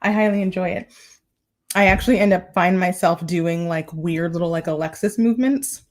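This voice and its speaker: A woman's voice: fairly low pitch, moderate pace. A woman hosting a casual live stream from her home, chatty and playful, a little out of breath and calling her viewers y'all. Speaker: style vlogger hosting a live Q&A.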